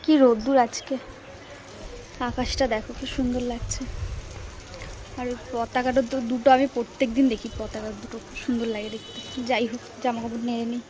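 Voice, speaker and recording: A young woman, hoarse from a cold, chatting casually through her daily vlog. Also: on the high side, flat delivery, fairly quick, warm tone. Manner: chatty, breezy running commentary. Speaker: vlogger. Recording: noisy home and street ambience.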